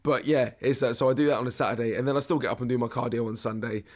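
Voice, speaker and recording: A young British man with a hoarse, worn-out voice, hosting a casual podcast in a jokey, slangy, rambling way. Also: mid-range voice, steady tone, rapid-fire, darkish tone. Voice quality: hoarse, strained voice. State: hoarse, losing his voice. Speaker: podcast host. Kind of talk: casual solo podcast chat.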